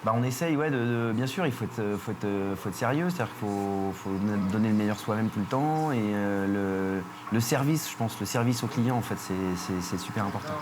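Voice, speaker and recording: A man's voice: on the low side, a little fast, hardly any pauses, noisy background. A middle-aged man from France who runs a surf school, talking in a casual interview, hesitant with many fillers and restarts.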